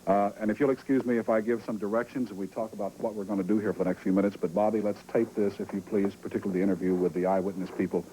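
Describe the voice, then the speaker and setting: A man's voice: lowish voice, level tone, rapid-fire, few pauses, warm tone, a little hiss or hum, low-quality recording. Breathless man announcing breaking news. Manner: urgent, reading a wire bulletin aloud. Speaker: TV news anchor. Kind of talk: live breaking news bulletin.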